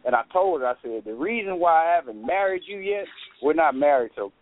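A man from Texas calling in to a radio show over the phone, talking casually and clearing his throat now and then. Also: a little high, a little fast, no room sound. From Texas, USA. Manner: relaxed and conversational, clears his throat often. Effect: calling in over a phone line to a radio show. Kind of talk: casual call-in chat. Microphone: telephone. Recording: tinny, dry phone line.

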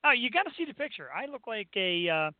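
An American man with a high voice hosts a casual talk show. He rambles along with playful bragging. The recording is dry and somewhat muffled. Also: big pitch swings, quick pace, no room sound. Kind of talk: casual chat.

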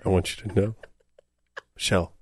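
A man putting on a creepy, seductive low voice, crooning slowly to a listener. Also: fairly even intonation, dry recording, soft background music. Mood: sultry. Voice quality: low, breathy, lustful crooning.

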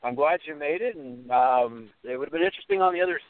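A man's voice: mid-range voice, lively intonation, fast talker, no echo. A man hosting a casual interview from a car over a speakerphone call, talking in an eager, rambling way. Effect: heard over a phone on speakerphone. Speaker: podcast host. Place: inside a car. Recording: tinny speakerphone call, dry.

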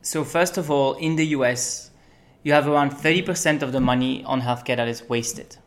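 A young man from Belgium speaks as an interview guest in an easy, conversational way. He pauses often with ums and uhs while he explains things in a relaxed, steady flow. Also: mid-range voice. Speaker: guest, management consultant. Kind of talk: casual interview talk.

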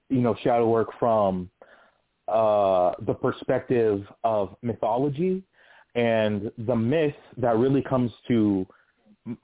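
A man from California calling in by phone to a radio show, earnestly explaining and retelling a story. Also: medium pitch. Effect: over the phone. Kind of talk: call-in radio discussion. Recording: tinny phone line.

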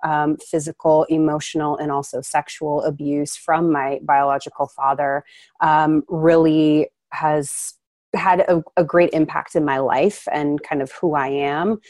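A woman originally from Ukraine, a podcast guest, telling her life story in an earnest, reflective way with pauses. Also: deep voice, flat delivery, darkish tone, dry recording. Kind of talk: conversational interview.

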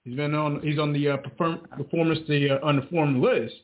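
A man co-hosting casual sports talk, loosely and haltingly working his way toward questions. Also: fairly high pitch, fairly even intonation. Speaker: sports show co-host. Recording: tinny phone-like line.

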